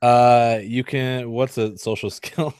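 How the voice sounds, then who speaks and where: A man's voice: mid-range voice, level tone, takes it slowly, a little mellow, clean tone, no room sound. A man running a tabletop role-playing game, casual and a bit tipsy, often laughing and restarting his sentences. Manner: laughing, loose, stumbling restarts. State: tipsy from wine. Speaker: game master. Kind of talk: narrating a tabletop role-play.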